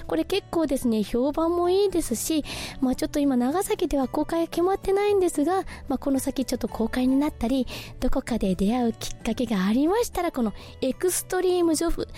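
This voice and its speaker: A woman hosting a radio show, talking casually about films and reading listener messages with lots of soft fillers. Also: high voice, expressive, a little fast, faint music behind. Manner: chatty, many soft fillers. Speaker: radio host.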